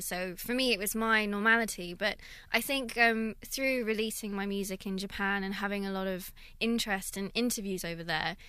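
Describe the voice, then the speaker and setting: A young woman from London with a London accent, chatting in a radio interview, thoughtful and quick to laugh. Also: medium pitch, bright, forceful tone, smooth, no room sound. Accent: London English. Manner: friendly, laughs often, thoughtful. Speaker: guest violinist. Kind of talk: casual interview chat.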